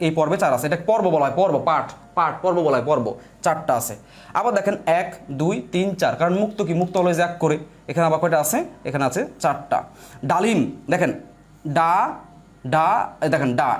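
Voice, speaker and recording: Fast, high-voiced male teacher. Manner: explains step by step, repeats points, addresses viewers as brother. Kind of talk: live online grammar lesson.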